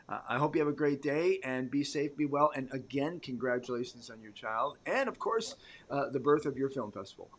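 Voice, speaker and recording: Rambling american host, jumpy loudness. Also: male voice, mid-range voice, a little hiss or hum. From United States. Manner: rambling, loud swings in volume, many fillers. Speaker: show host. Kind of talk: casual live-stream interview chat.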